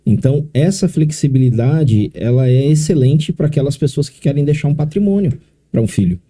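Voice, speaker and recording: A man's voice: a little high, expressive, brisk, dark tone. A middle-aged man from São Paulo with a São Paulo accent, explaining things step by step in a podcast interview. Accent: São Paulo Portuguese. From São Paulo, Brazil. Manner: explains step by step, often adding tag questions. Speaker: consórcio specialist guest.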